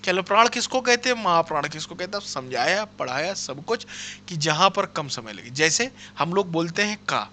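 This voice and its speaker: Lively high-voiced male teacher. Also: brisk, few pauses, slight background noise. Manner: explains step by step, checks in with "ठीक है". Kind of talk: online exam-prep lesson.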